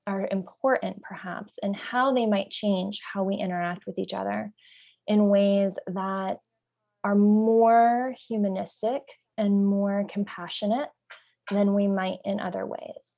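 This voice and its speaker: A woman's voice: medium pitch, vocal fry, narrow, tinny audio. A woman who works as a parent trainer, talking in a podcast discussion. She searches for words as she reasons through ideas and grows vivid when she tells a story.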